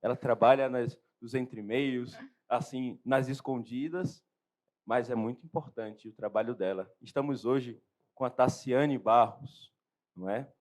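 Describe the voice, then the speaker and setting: A man's voice: mid-range voice, fairly even intonation, darkish tone. Formal young man hosting a podcast. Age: young adult. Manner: formal, measured wording. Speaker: seminarian podcast host. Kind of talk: podcast interview.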